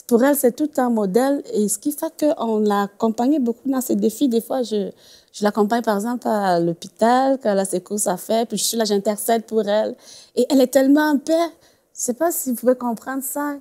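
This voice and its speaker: A woman's voice: fairly high pitch, fairly quick, dark tone. A woman guest on a faith talk show, telling a story earnestly and laughing often.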